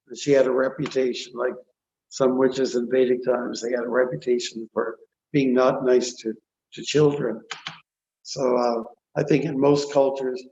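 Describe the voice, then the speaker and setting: Halting male teacher in echoey room. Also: medium pitch, vocal fry, darkish tone. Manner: halting, deliberate phrasing. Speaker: religious class teacher. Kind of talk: extempore scripture lecture. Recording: dull, echoey online call, faint noise.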